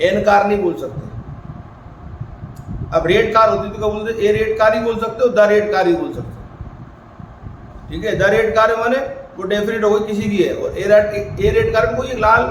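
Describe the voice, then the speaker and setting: A man teaching a grammar class in a high voice. He keeps asking the class questions and answering them himself, and he voices the students' doubts in his own voice. The room is echoey, with faint background noise. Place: coaching academy classroom.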